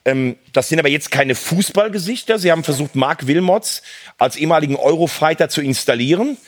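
A football reporter telling stories in a casual chat, animated and full of fillers and restarts. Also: male voice, fairly high pitch, fairly quick.

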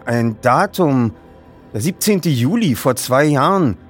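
A man voicing a teenage boy detective who reads out dates and letters slowly, one at a time. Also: mid-range voice, lively intonation, soft background music, voice pushed up. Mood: reading out. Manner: slow, spelling out letters one by one. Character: teenage boy detective, second of three friends.

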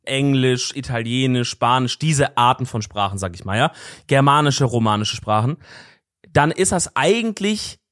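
A man's voice: mid-range voice, expressive, moderate pace, fairly bright tone, no echo, studio quality. A young man co-hosting a podcast, chatting casually in slangy, rambling explanations. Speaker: podcast co-host. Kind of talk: casual chat.

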